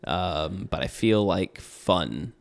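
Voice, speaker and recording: A young man with a deep, gravelly voice talks slowly but animatedly as a podcast guest, discussing tabletop games as both a player and a game master. His casual delivery is earnest and rambling, full of fillers and restarts.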